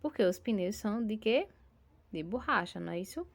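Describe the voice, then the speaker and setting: In a recorded class for little ones, a Brazilian Portuguese-accented primary teacher patiently elongates syllables and keeps asking tag questions to see that the children follow. She has a medium-pitched, expressive voice and a moderate pace.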